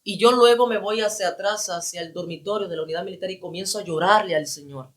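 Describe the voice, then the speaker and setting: Male evangelist, high-pitched, telling his story with feeling and repetition. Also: quick pace. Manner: emotional, repeats phrases for emphasis. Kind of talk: personal testimony.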